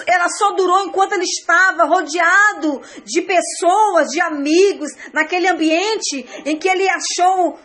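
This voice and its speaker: Slow-preaching Brazilian woman pastor. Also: very high voice, a bit bright. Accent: Brazilian Portuguese. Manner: earnest preaching, repeating phrases and addressing listeners as beloved. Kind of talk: sermon.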